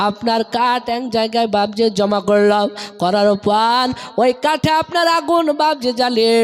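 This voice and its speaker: A man preaching a sermon, telling a story in a chanting, singsong delivery with drawn-out lines. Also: very high voice. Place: outdoor gathering.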